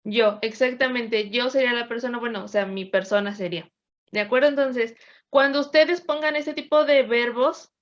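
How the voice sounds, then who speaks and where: Woman teacher, fairly high voice, patient call-and-response drilling, dull lo-fi sound. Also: a bit bright. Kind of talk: classroom lesson.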